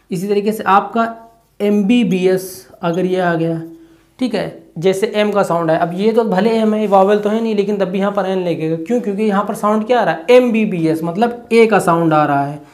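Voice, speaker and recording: A medium-pitched teacher gives an exam-prep lesson, moving through each point by asking a question and then answering it. A quick "okay" comes up often as a check-in.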